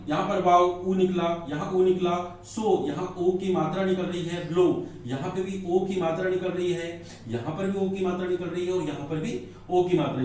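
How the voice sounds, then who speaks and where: A man's voice: high voice, a little mellow, a little hiss or hum. Male grammar teacher who poses questions and answers them, recorded from a distance in a very echoey room. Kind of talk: classroom lecture explaining in Hindi.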